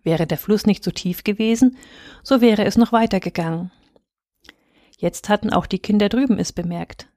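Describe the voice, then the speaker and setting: A woman reading a fairy tale aloud in calm, measured scripted narration. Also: medium pitch, no echo, studio quality. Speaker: reader.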